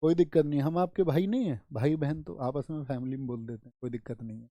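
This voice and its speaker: A male coaching teacher tells playful memory stories and keeps asking his students questions as he goes. His voice sits a little high but sounds mellow and dark. The recording is close and dry, with almost no room sound. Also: quick pace, no echo, muffled recording. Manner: animated storytelling mnemonics, addresses students directly. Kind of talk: online exam-prep class.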